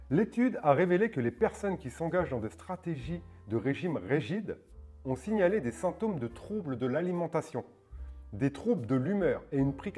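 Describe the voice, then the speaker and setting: A man's voice: on the high side, mellow, husky. A man in his forties hosting a fitness video channel, talking casually and hesitantly, with many fillers and restarts and a habit of checking in with his viewers. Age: 40s. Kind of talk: casual explanatory video talk.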